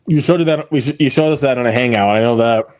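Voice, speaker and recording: A man's voice: mid-range voice, fast talker, a little mellow. A young man chatting casually with friends during a movie watch-along, laughing often and trailing off mid-sentence. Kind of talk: casual chat among friends.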